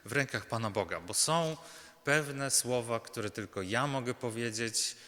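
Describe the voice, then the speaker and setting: A male Jesuit preacher delivers a personal sermon with a bright, clear tone. He speaks earnestly, stumbling and restarting, often checking in with the congregation through little rhetorical questions. His voice carries a long reverb from a large church. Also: medium pitch. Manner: earnest, halting, many fillers and restarts.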